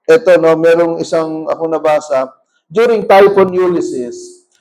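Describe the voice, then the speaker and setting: A male pastor with a Filipino accent preaches with a high-pitched voice. He presses his points hard, rising into loud questions to the congregation and then dropping to soft asides, all in mixed Tagalog and English. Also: rough recording. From Philippines. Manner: emphatic, swings between loud appeals and quiet asides, mixes Tagalog and English. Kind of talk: sermon.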